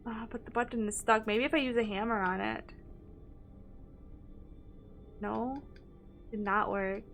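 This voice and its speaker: A woman's voice: on the high side, measured pace, a bit bright, soft background music. A young woman streaming a horror game, thinking aloud in casual commentary with lots of fillers and hesitations.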